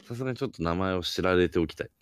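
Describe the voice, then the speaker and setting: A man's voice: sits low, very fast, no room sound. A man co-hosting a casual podcast, bantering playfully with his partner. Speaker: podcast co-host.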